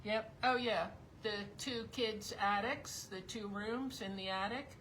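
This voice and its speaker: A woman chats her way through a live craft stream, her voice bright and a touch tense. She rambles and teases her husband with little laughs, and her voice is slightly giving out. A faint hum sits behind her. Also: medium pitch, unhurried, rough recording. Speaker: craft show co-host. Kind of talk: casual live-stream chat. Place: basement tavern room of a house.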